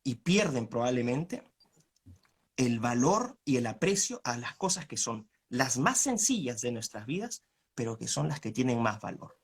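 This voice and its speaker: A man's voice: medium pitch, big pitch swings, unhurried, husky. A man arguing his side in a live online debate over a video call, asking rhetorical questions. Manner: argumentative, asks rhetorical questions.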